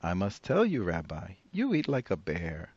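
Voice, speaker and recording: A cheerful, fussing old granny with a bright, sing-song lilt that swoops up and down, as a male storyteller puts her on. The voice sounds a little dull and muffled, close and dry. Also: deep voice, huge pitch swings, normal speed, breathy edge, dry recording, exaggerated voice.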